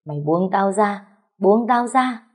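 A woman voicing a cruel older woman villain in an audio story, shrieking taunts in a shrill voice. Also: lively intonation, a little slow. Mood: panicked.

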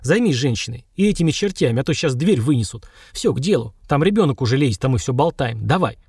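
Calm, terse wizard healer in an audiobook, giving orders, voiced by a male narrator. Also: medium pitch, fast talker, husky, no echo, clean studio sound. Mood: firm.

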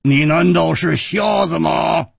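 A man voicing a boisterous, hot-headed swordsman who talks loudly and exclaims often. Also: a little high, slow, vocal fry, husky, no echo, studio quality, voice pushed up, heavily acted. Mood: excited. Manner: loud, exclaiming, animated.

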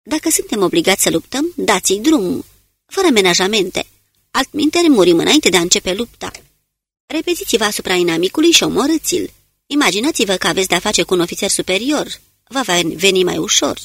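Woman reads steady male commando guide, low terse orders, husky, dry audiobook sound. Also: no echo, full character voice. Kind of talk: audiobook character reading.

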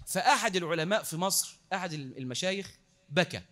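Egyptian male preacher, mosque lecture; quick, high-pitched, engages the crowd with questions. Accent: Egyptian Arabic. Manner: lively, repeats words for emphasis, asks the crowd questions.

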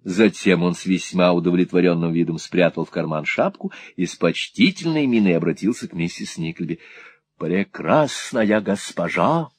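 A man narrating a classic novel as an audiobook, in an expressive, theatrical storytelling manner. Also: low-pitched, a little fast, few pauses, no room sound.

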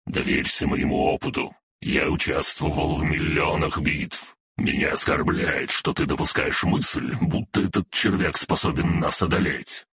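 Man doing a demonic voice, ancient demon archduke, whispery, very husky, very deep, haughty, storybook. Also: steady tone, unhurried, no room sound, clean studio sound, exaggerated voice. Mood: commanding. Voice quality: demonic hushed, breathy whisper-like voice. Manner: lofty and condescending, calls the boy "child". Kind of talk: audiobook narration.

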